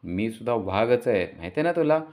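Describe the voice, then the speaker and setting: A man's voice: on the low side, big pitch swings, a little fast, a little mellow. A man playing a jovial, talkative father who jokes and teases his daughter. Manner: chatty, joking, teasing.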